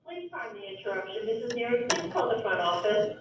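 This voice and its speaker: A woman's voice: on the high side, animated, quick pace, slight background noise. Woman paging over a school intercom. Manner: polite, formal paging. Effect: school intercom loudspeaker. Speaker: school office staff. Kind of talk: public address announcement. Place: school, picked up in a classroom. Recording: echoey intercom speaker heard from far off.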